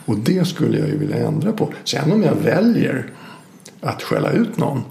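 A man's voice: mid-range voice, big pitch swings, creaky, a little mellow. A man talking reflectively in a conversation, thoughtful and hesitant, often restarting his sentences. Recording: echoey room with faint ambience.

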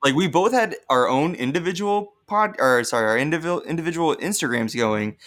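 A man's voice: fairly high pitch, lively intonation, brisk, a bit bright. A young man co-hosting a podcast in a casual, bubbly chat, rambling with lots of fillers. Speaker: podcast co-host.

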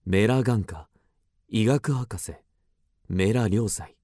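A man's voice: on the low side, takes it slowly, dark tone, no echo, studio quality. An actor playing an agitated, obsessed man recounting an eerie mystery in dramatic radio drama narration, with theatrical swings. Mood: ominous recounting. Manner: suspenseful, theatrical, with sudden swings.

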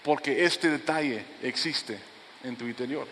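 A middle-aged man preaching a sermon as pastor. His delivery is earnest and drops to soft, low lines for emphasis. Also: unhurried, a little hiss or hum. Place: church sanctuary. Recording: long hall reverb in a church.

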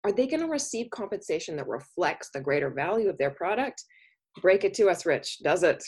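A woman's voice: fairly low pitch, sing-song, brisk, darkish tone, breathy edge. A woman from Minnesota hosting a podcast interview, chatty and conversational. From Minnesota, USA. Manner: chatty, with frequent fillers and restarts. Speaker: podcast host.

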